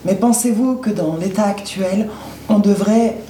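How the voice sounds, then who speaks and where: A woman asks a radio guest measured questions and helps him finish his sentences. Her voice is warm and low in brightness. There is a roomy echo and faint background noise. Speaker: radio interviewer.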